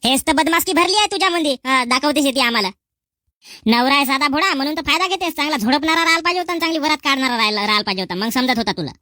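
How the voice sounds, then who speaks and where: A woman playing a sharp-tongued old village mother-in-law who scolds and taunts without pause. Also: high voice, lively intonation, dry recording, studio quality. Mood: scolding. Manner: nagging, taunting, rapid scolding. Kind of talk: rural comedy skit.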